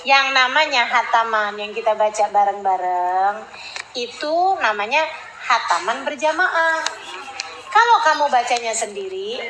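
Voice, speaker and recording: A woman's voice: a little high, roomy sound, background noise. A woman preacher giving a casual sermon, reading out listeners' questions and answering them with teasing, chatty asides and laughs. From Indonesia.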